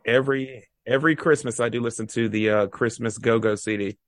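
A man's voice: medium pitch, steady tone, fairly quick, no room sound, studio quality. A man in casual podcast chat, speaking in a blunt, laid-back, slangy way. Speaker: podcast guest or co-host.

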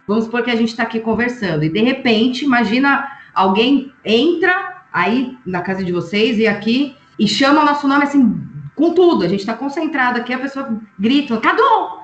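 An animated woman explains with example after example, checking in with quick tag questions. Her voice sits a little high. The sound is roomy and dull, like a remote call. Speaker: astrologer guest. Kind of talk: casual explanatory chat.

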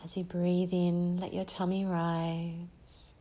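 A woman leading a guided breathing meditation, speaking in a slow, soothing way with long pauses between phrases. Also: on the low side, completely flat delivery, warm tone.

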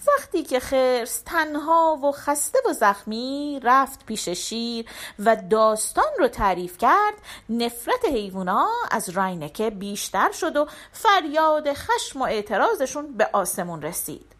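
A woman reads a folk tale aloud with expressive storyteller energy. Her voice is high and climbs and dips a great deal. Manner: expressive, animated. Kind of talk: storybook narration.

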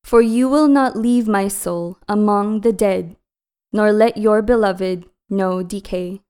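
A woman reading scripture and psalms as a liturgical reader, in a solemn, measured and carefully phrased way. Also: mid-range voice, darkish tone, clear, resonant tone.

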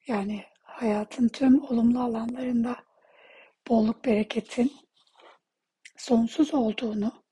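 A woman leading a guided healing meditation in a soft, breathy, partly whispery voice, speaking gently in short phrases with pauses. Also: on the high side, rough recording. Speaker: guided healing session leader.

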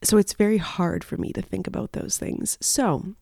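Gravelly, dark-voiced woman, near tears. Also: mid-range voice, fairly even intonation, moderate pace, no room sound, clean studio sound. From Canada. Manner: nostalgic, tearful, rambling with many fillers. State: close to tears. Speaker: podcast host. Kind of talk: emotional personal monologue.

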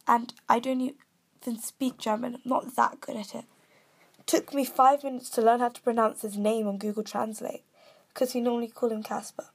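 A young Kenyan woman with a British accent earnestly reads aloud her own scripted reviews of movies and songs. She is a vlogger who covers film and music, and her voice is high and husky.

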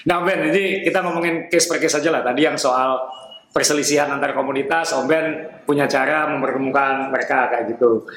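A man hosting a casual podcast chat, animated and quick, laughing often. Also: medium pitch, slight background noise. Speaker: podcast host. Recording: echoey room, faint ambience.

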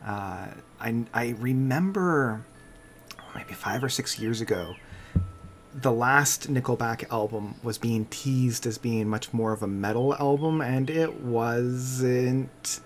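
Guy chatting on a chill podcast, slow and halting, music in the background. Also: medium pitch, slight background noise. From Canada. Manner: halting, unhurried. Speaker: podcast co-host. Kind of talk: relaxed casual podcast chat.

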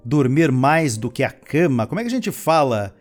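A man teaching English vocabulary in a lesson, chatting casually in his explanations and slowly modelling sentences for learners to repeat, with playful asides. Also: mid-range voice, very animated, soft background music. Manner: switches between chatty explanations and slow, careful model sentences. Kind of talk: language lesson with repeat-after-me drills.

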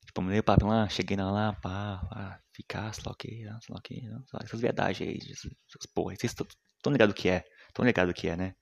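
A young man with a fairly low voice delivers a casual, rambling monologue. He swears freely, uses lots of slang, and often lets his sentences drop off into a mumble. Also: steady tone, fast talker, creaky. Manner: slangy, profane, rambling, often trails off quietly.

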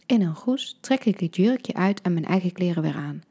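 A woman narrating a short story for her podcast in a soft, intimate way, often half-whispered, with a husky voice. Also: on the low side, expressive, moderate pace. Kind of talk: scripted narration.

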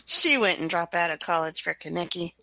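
A woman's voice: lowish voice, very animated, fairly quick, bright, forceful tone, no room sound, poor audio. A woman co-hosting a podcast in casual chat, teasing and laughing often. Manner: giggly, teasing. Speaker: podcast co-host.

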